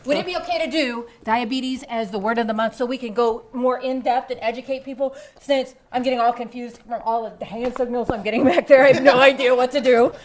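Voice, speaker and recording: A woman's voice: fairly high pitch, steady tone, brisk, hardly any pauses, slight background noise. A woman hosting a children's show, addressing boys and girls in an exclamatory, slightly scattered way. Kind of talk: kids' show presenting.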